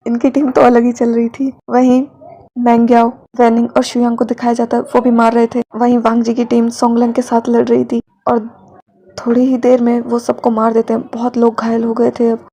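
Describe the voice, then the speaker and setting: A woman storyteller narrating a fan fiction story in a steady, plain reading manner. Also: a little high, a little fast.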